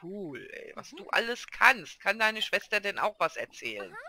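A woman's voice: mid-range voice, big pitch swings, moderate pace, a crowd in the background. A woman casually commenting on her own gameplay, chatty and coaxing, talking to her game characters like children. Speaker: let's play gamer.

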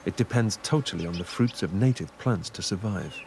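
A man narrating a scripted nature documentary in a measured, informative way. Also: low voice, darkish tone, a little hiss or hum.

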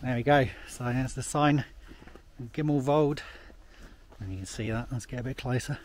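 A man's voice: mid-range voice, normal speed, a little hiss or hum. A man, chatting casually and rambling with lots of fillers while hiking a snowy path, filmed on a camera at arm's length outdoors. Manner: rambling, chatty, laughs often, many fillers. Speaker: travel vlogger. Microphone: camera held at arm's length.

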